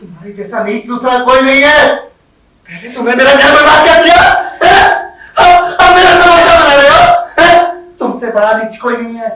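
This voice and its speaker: A stage actor playing a bitter, betrayed husband who shouts accusations, recorded from afar in an echoey auditorium. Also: male voice, extremely high pitch, expressive, normal speed, distant mic, over a noisy crowd, heavy background noise. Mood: furious. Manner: shouting, accusing, later broken and grieving. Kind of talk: stage play acting. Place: theatre stage.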